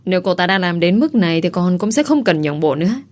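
A woman's voice: lowish voice, animated, fast, darkish tone, lightly acted. A woman voicing a young woman who protests her innocence in an indignant, tearful way. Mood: defiant. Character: young woman, wronged and defiant.

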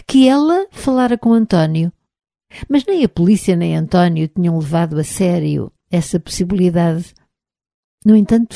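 A woman with a European Portuguese accent narrating an audiobook in a measured, even reading, recorded on a close mic. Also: fairly low pitch, no room sound.

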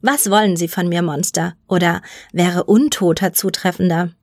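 A woman voicing a steely young female fighter pilot who speaks in a crisp, clipped, commanding way. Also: on the low side, steady tone, moderate pace, darkish tone, no echo, clean studio sound. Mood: defiant.

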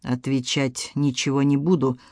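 A man reading an audiobook, voicing a calm, mocking male ex-convict who drawls in criminal slang. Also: fairly high pitch, a little fast, dry recording, clean studio sound, close to an everyday voice.

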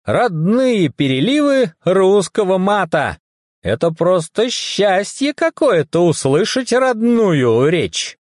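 A man voicing an eager young special forces captain in an audiobook, with a raised, excited voice. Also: high voice, takes it slowly, few pauses, dry recording, studio quality, voice pushed up, full character voice.

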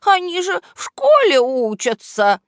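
A woman doing a squeaky timid little pest. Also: wildly swooping pitch, a little slow, no room sound, studio quality, heavily acted. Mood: whining. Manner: meek, whining, stammering. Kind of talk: storybook reading.

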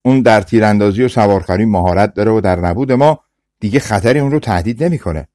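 A man doing a steady young prince. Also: fairly low pitch, no room sound, studio quality, close to an everyday voice. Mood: resolute.

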